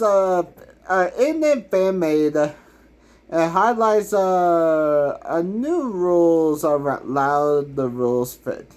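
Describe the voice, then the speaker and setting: A man giving unscripted commentary as a YouTuber, halting and filling nearly every pause with "uh" as he restarts his sentences. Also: fairly high pitch, darkish tone. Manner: halting, full of "uh" fillers and restarts. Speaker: YouTuber ranking villain songs.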